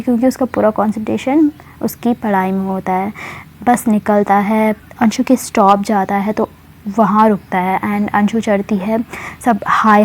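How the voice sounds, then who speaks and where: A woman's voice: medium pitch, darkish tone. A woman narrating a story in a chatty, digressive way, mixing in English words.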